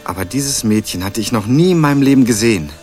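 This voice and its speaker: Medium in pitch with a darkish tone, he speaks quickly and naturally with lively intonation. The young man narrates a radio crime drama in first person, hard-boiled and dry, playing a sardonic cousin-seeker over underlying music.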